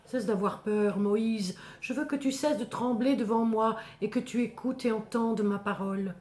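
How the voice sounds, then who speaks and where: A woman's voice: a little high, normal speed, a little mellow, lightly acted. A woman voicing a solemn, commanding God in dramatic biblical storytelling, declaiming with authority. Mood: reassuring, authoritative. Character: God speaking from burning bush, solemn, commanding, divine. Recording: echoing, reverberant voice recording.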